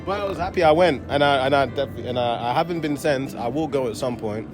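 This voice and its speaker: A young comedian guest, born in France and raised in Portugal and London, talks quickly in a mid-range voice with a mixed London accent. His casual interview chat is loose, full of fillers and laughter, with music playing in the background.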